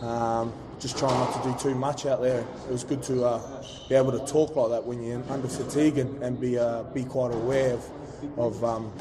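A man's voice: mid-range voice, flat delivery, normal speed, hardly any pauses, a crowd in the background, poor audio. A man being interviewed after a game, answering hesitantly with many fillers. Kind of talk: post-match interview.

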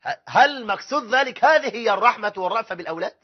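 Fast, high-voiced Egyptian preacher. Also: male voice, animated, husky. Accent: Egyptian Arabic. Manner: mixes colloquial talk with formal phrases, acts out family dialogues. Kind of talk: sermon. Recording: dull lo-fi recording.

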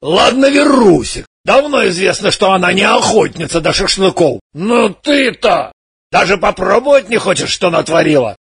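A man voicing a boisterous middle-aged army major in an audiobook, loud, hearty and bossy. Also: high-pitched, sing-song, normal speed, gravelly, slightly rough, no echo, full character voice. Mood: suspicious. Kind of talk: audiobook character voice.

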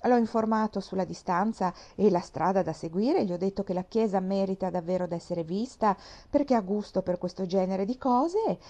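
A woman reading the part of a good-humored young country gentleman, speaking with jovial emphasis in a mellow voice. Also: mid-range voice, normal speed, natural voice.

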